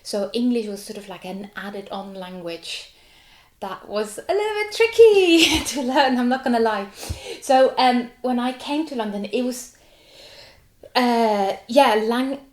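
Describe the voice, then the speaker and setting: A Swiss woman in her forties, a contemporary dancer whose first language is German, chats animatedly in a casual interview, laughing and filling her speech with "like." Her voice sits a little high, her pace is measured, and the sound is roomy.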